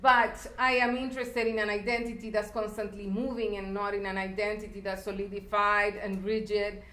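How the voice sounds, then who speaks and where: A Salvadoran woman gives a public talk on her art installations in a lecture hall, and the recording carries that room's echo. Her mid-range voice is level, pushed and bright, at a moderate pace, and she reflects aloud with fillers and restarts.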